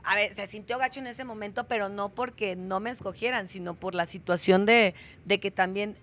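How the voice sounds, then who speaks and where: A woman's voice: mid-range voice, moderate pace, fairly bright tone, slight background noise. Chatty Mexican woman. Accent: Mexican Spanish. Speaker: contestant. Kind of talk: casual chat.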